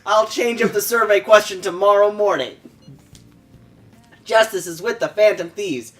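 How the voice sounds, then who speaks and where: A man's voice: sits high, moderate pace, fairly bright tone, faint music behind, pitched above the performer's own voice. A man putting on a nerdy voice to play a self-important young male fan-site administrator in a game. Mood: indignant.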